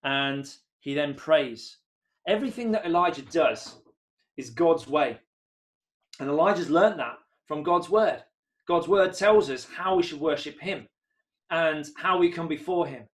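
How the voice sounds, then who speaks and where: A man in his thirties delivers an earnest sermon into a desk webcam from a room at home. His voice sits a little high, and he lifts into excited emphasis when he reaches key points. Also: measured pace. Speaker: preacher.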